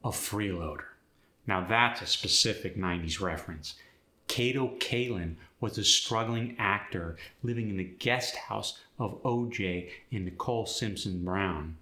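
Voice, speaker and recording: A man narrates a lesson in a fairly low, forceful voice. He explains things plainly as an instructor, with short definitions, and the room adds clear echo. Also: unhurried. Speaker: accent instructor. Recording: roomy echo.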